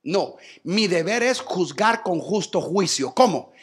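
High-voiced preacher guy, slow and swingy, shouts then goes quiet, keeps saying brothers. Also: lively intonation, husky. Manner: preaching, alternating low asides and shouted bursts; addresses listeners as brothers and sisters. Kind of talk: sermon.

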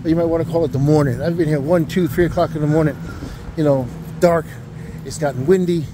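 A man's voice: a little high, steady tone, fast. A middle-aged man, casually narrating a walking tour outdoors at a waterfront park and chatting with people he passes. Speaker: vlogger giving a walking tour. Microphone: handheld camera while walking. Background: faint wind and outdoor ambience.

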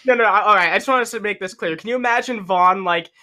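A man hosting a podcast in casual, excitable chat, swearing freely. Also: sits high, quick pace. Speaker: podcast host.

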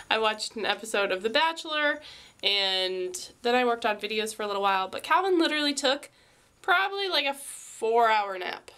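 This family vlogger, a young woman, speaks on the high side and at a moderate pace. Congested from a cold, she rambles animatedly to a handheld camera at arm's length in her bedroom in a casual to-camera vlog.

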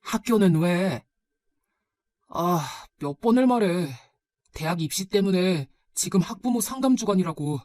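A woman's voice: on the low side, lively intonation, a little slow, dark tone, no echo. Resentful teenage son, pointed and reproachful, read by a woman narrator. Dry, close sound. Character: nineteen-year-old son, resentful but gentle with grandmother. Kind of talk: storybook narration.

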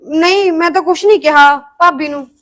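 A woman's voice: sits high, moderate pace, close to an everyday voice. An actress playing a spoiled young married woman who scolds her sister-in-law and finds fault with everything. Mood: defensive. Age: young adult. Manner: scolding, sulky, fault-finding. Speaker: actress in a village family drama.

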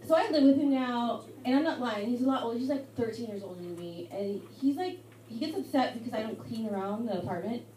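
A young woman from Mexico doing a live stand-up set in a pub, with a halting, rambling delivery full of fillers. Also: on the high side, animated, far from the mic, slight background noise. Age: young adult. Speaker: stand-up comedian. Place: hotel pub comedy night. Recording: echoey live room miked from afar with loud crowd. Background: audience chatter and laughter.

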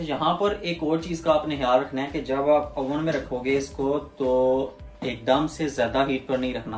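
A man's voice: medium pitch, vocal fry. A man hosting a home cooking video, chatting casually and explaining each step to viewers. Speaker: cooking vlog host. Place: home kitchen. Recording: echoey room with background music.

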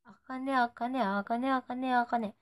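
A woman's voice: on the high side, fairly even intonation, moderate pace, clean tone. A playful young woman with a Nagoya accent, chatting on a live stream and saying short cutesy phrases that fans ask for. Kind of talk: casual live stream chat.

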